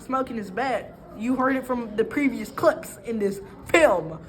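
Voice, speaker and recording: A young woman improvising a mock interview, deadpan and stammering. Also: fairly high pitch, measured pace, slight background noise. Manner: deadpan, stammering, breaks into laughter. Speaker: interviewee in a comedy skit.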